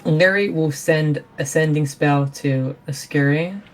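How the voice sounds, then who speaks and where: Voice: medium pitch, a little slow. A player in a tabletop role-playing game, chatting casually and speaking for their character.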